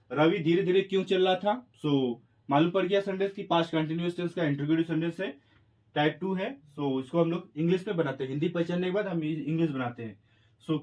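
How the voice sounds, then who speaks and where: An Indian man with a slightly high voice runs an English grammar lesson in Hindi. He dictates each example sentence slowly, spelling every word letter by letter, and keeps encouraging his viewers as friends. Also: darkish tone, dull audio. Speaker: English teacher.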